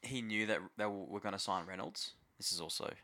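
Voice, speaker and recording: A man's voice: fairly low pitch, fairly quick, pushed and bright, a little hiss or hum. An Australian man co-hosting a casual rugby league podcast, talking in a matey, emphatic, agreeable way. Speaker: sports podcast co-host.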